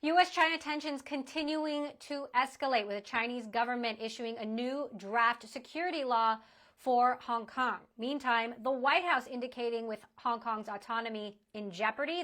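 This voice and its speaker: Woman news anchor, brisk scripted read, kinda high and sharp. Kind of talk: broadcast news interview. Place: TV studio.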